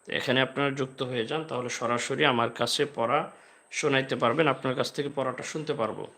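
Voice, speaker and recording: A man leads a live online lesson, explaining with patience and repeating each sound slowly and clearly. His voice is bright and a little forceful, at an ordinary middle pitch. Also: fairly even intonation. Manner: slow drilled letter sounds with repeated examples. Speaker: Arabic alphabet teacher.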